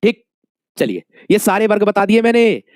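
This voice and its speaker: A man's voice: sits high, very animated, moderate pace, no echo, studio quality. A male Hindi teacher giving an exam-prep lesson, calling his students dear friends, asking questions and repeating the answers many times.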